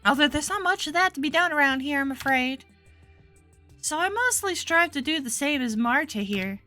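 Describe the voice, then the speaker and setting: A woman's voice: high-pitched, expressive, moderate pace, bright, forceful tone, faint music behind, pitched above the performer's own voice. A woman voicing a hearty, cheerful nun who talks in a boisterous way. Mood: cheery.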